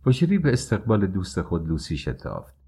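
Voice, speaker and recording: A man narrating a classic novel as an audiobook, reading in a measured, even way. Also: sits low, slightly rough.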